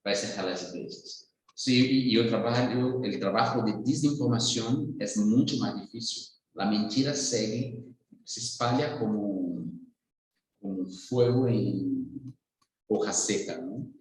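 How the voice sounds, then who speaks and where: A Brazilian man, a native Portuguese speaker, giving a political analysis in halting Spanish mixed with Portuguese, searching for words. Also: fairly low pitch, a little hiss or hum. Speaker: guest speaker. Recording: very echoey room.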